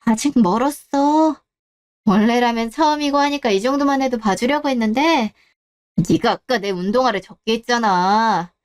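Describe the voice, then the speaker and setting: A woman's voice: a little high, moderate pace, close to an everyday voice. A woman voicing a spiteful teenage girl bully who taunts in a sneering, bitter way.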